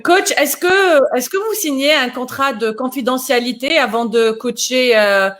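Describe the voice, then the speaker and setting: Woman host, high voice, polite formal questions. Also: a little slow, a bit bright. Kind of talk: live interview questions.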